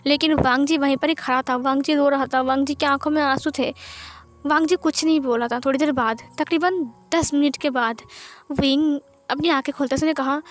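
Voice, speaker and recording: A woman narrating a fanfiction story in a chatty, casual way, often adding little fillers. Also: sits high. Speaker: fanfiction reader.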